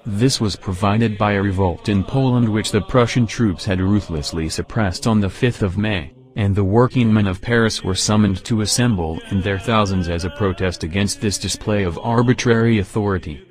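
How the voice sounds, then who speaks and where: A man reading a history text aloud as a narrator, measured and dramatic. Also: on the low side.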